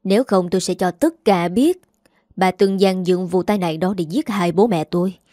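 A woman voicing a bold, scheming young woman who speaks in accusing, sharp-tongued lines in a spoken story. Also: on the low side, normal speed, no room sound, studio quality, natural voice. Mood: defiant.

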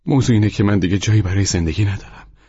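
A man with a husky voice voicing a tired, timid young man who speaks politely and hesitantly, in a dull, dry studio recording. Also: lowish voice, dark tone, pitched above the performer's own voice. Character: weary, timid young man seeking shelter.

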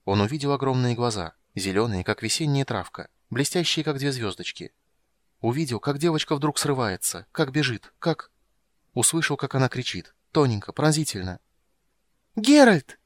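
A man reads a fantasy tale aloud in a calm, even voice. The recording is dry and close, with no room sound. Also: medium pitch, moderate pace, no echo. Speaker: narrator. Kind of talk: audiobook narration.

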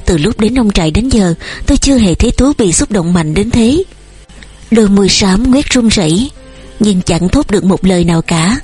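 A woman's voice: mid-range voice, lively intonation, normal speed, a little mellow, slightly rough, soft background music. A woman narrating a novel in the first person as an audiobook reader. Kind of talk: scripted narration.

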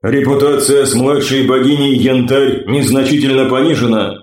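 A man doing an impersonal game system announcer in an audiobook. He reads each notice flatly, as if announcing. A heavy echo effect rings around his voice. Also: mid-range voice, normal speed. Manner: flat, announcing.

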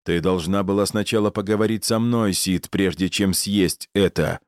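A man's voice: low voice, fairly even intonation, normal speed, clear, resonant tone, dry recording, clean studio sound, natural voice. A man voicing a warrior husband in a storybook reading, speaking firmly with tense reproach. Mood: stern, worried. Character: stern worried young husband, a warrior.

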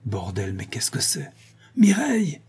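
A man's voice: medium pitch, brisk, dark tone, husky, close to an everyday voice. A man voicing a blunt rural farmer roused in the night, giving curt orders. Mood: panicked. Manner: blunt, commanding.

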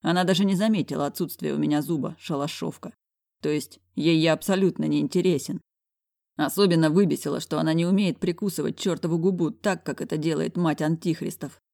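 A woman reading a first-person audiobook narration in a wry, even storytelling manner. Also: low-pitched, brisk, creaky, dry recording, studio quality.

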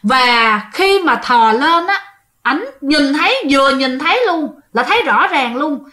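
A woman with a Southern Vietnamese accent telling a ghost story to her listeners, animated and full of quoted dialogue. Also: sits high, a little slow.

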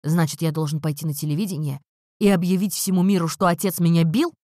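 A woman voicing a furious young man who growls and shouts, in an audiobook. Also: deep voice, normal speed, dry recording, studio quality. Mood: bitter. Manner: growling, shouting through clenched teeth.

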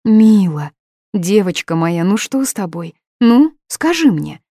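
A woman's voice: medium pitch, sing-song, takes it slowly, mellow, no echo, studio quality, voice pushed up, full character voice. A woman voicing an anxious, doting middle-aged mother who fusses and pleads affectionately.

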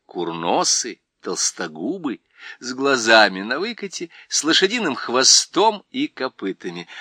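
A man narrating a storybook, expressive and unhurried. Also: on the low side, no room sound, clean studio sound. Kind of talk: storybook reading.

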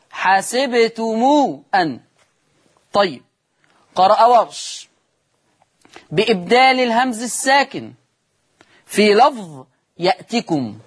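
A man's voice: high-pitched, breathy edge. A man with an Egyptian accent teaching Quran recitation rules on TV. He demonstrates each reading and poses questions he then answers himself. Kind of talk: televised recitation lesson. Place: TV studio.

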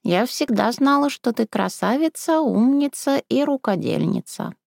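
A woman's voice: fairly high pitch, expressive, measured pace, gravelly, a little mellow, no echo, clean studio sound, pitched above the performer's own voice, full character voice. A woman reading a storybook and voicing a crafty, rude old village woman who flips between sugary coaxing and coarse scolding. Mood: sweetly flattering. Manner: sing-song sugary then snapping, coarse.

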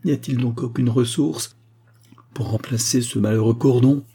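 A frantic, pleading young noblewoman from an old storybook, as a male reader puts her on. The voice sits a little higher than the narration, with a dark and husky grain. It is read aloud rather than fully acted. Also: fairly even intonation, moderate pace.

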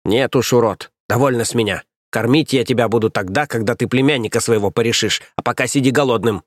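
A man voicing a coarse, scheming stout nursemaid woman who scolds and sneers in a raised, shrill voice. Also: fast, no room sound, studio quality, lightly acted. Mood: scolding. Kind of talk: audiobook character voice.

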